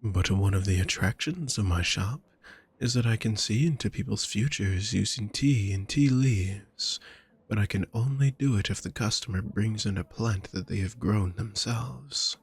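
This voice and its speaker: A husky-voiced man, pitched on the low side, voices a doting and courtly vampire shopkeeper in an intimate audio roleplay, speaking to the listener in gentle, flowery, formal language. His mood is wistful and seductive, his pace normal, and there's no echo.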